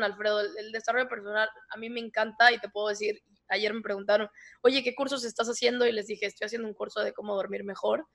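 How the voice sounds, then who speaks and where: A woman who hosts her own podcast and gives talks, appearing as a guest and speaking in an animated way, often correcting herself mid-sentence. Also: a little high. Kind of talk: conversational interview.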